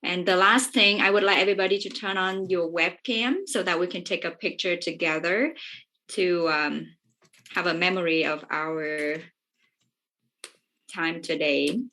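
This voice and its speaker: A woman doctor wraps up an online workshop on a video call. Her voice sits low but sounds bright, and her speech is full of ums and uhs. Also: a little slow. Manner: hesitant, many fillers.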